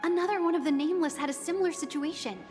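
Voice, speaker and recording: High-voiced, apologetic young receptionist. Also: female voice, rapid-fire, darkish tone, big-room sound, soft background music. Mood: apologetic, formal. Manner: formal, courteous customer service. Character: polite, apologetic, flustered young female hotel receptionist. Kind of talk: video game dialogue.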